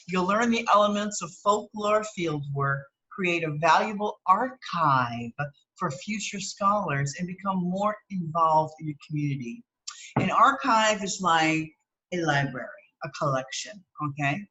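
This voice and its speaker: Reading an article aloud in a teacherly way, a woman breaks off for simple explanations and checks understanding with "okay" and "right." Her voice is lowish and a bit bright. The recording is rough.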